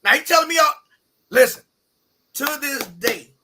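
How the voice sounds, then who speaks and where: A middle-aged man telling a story in a colloquial, animated way, often acting out the people he quotes. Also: very high-pitched, normal speed, noisy background. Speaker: podcast guest. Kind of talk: casual storytelling.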